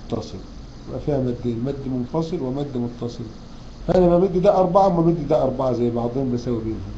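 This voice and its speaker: Egyptian man as an online recitation teacher; dark, warm tone, slow drawn-out verse reading, muffled recording. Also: mid-range voice, expressive. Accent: Egyptian Arabic. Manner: poses quiz questions to students and answers them. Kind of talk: online tajweed lecture. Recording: dull lo-fi online class recording, faint hiss.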